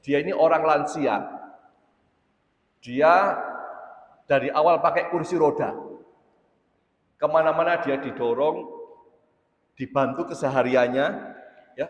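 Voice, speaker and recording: Javanese-accented preacher in echoey hall. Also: male voice, on the high side, a little slow, pauses often, lo-fi sound. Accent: East Javanese. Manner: storytelling, switches between Indonesian and Javanese, addresses audience often. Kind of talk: sermon.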